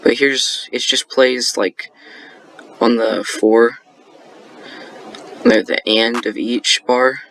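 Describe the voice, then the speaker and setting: Bright-voiced young man explaining beats. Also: mid-range voice, fairly even intonation, slow, long pauses, slight background noise. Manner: rambling, many fillers and self-corrections. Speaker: beat-making tutorial host. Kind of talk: casual screen-recorded tutorial.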